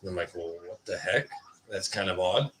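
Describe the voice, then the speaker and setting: A man's voice: low voice, lively intonation, moderate pace, fairly bright tone, slight background noise. A man chatting casually and colloquially on a livestream, rambling and restarting, pronouncing his R's as W's. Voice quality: cannot pronounce R, says w for r. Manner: rambling, colloquial, self-interrupting. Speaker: guest, ball python breeder.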